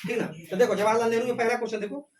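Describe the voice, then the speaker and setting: A man's voice: extremely high pitch, fairly even intonation, racing, recorded from a distance. A male teacher lecturing and drilling a class, repeating questions and calling students beta. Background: students answering.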